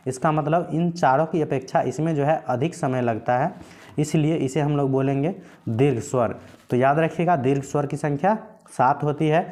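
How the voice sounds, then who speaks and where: A man teaching a grammar lesson patiently, asking questions and answering them himself, stretching single sounds out slowly as he names them. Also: a little high, a little mellow. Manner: patient, repeats points, asks and answers his own questions.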